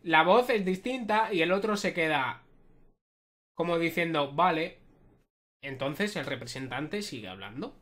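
A woman with a Spain Spanish accent giving lively, laughing reaction commentary on a video. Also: low voice, moderate pace. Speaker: youtuber reacting.

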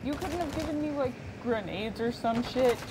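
A woman streamer swearing her way through a war game, exasperated and blunt, her voice pitched slightly high. Clear gunfire and game noise sit underneath her casual commentary. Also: expressive, moderate pace. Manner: profane, exasperated. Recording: low-quality stream audio with gunfire.

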